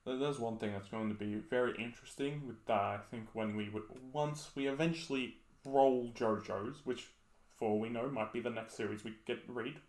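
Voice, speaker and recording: A man's voice: mid-range voice, moderate pace, a little mellow. A man with an Australian accent, chatting casually as a podcast co-host and laughing often as he rambles. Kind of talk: casual chat. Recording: roomy echo.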